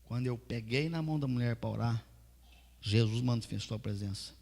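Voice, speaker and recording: A man preaching a sermon as pastor, telling his testimony with fervent storytelling that swings from soft to loud. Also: medium pitch, a little fast, gravelly. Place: church hall. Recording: reverberant church hall.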